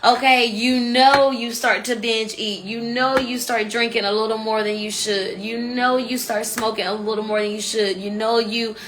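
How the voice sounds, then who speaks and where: A woman hosting an astrology podcast, talking casually and coaching listeners, often checking in with a quick "okay?". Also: on the high side, fairly even intonation, noisy background. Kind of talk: casual energy forecast talk. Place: recorded for a phone livestream.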